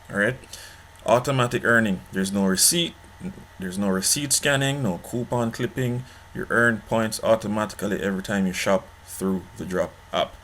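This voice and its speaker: A man hosting an app review channel. He talks casually, repeats his points and keeps checking in with "okay?". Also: fairly bright tone. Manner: pitchy, repeats himself, asks "okay?" often. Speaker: online money-making channel host.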